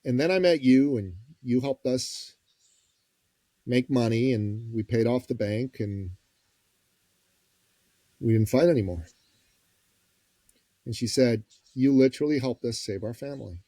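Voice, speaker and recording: A man, a business coach and podcast guest, telling a story in a lively, folksy way and acting out the people he quotes. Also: medium pitch, unhurried, long pauses, dry recording. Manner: lively, acts out quoted voices; direct, folksy phrasing. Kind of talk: conversational storytelling.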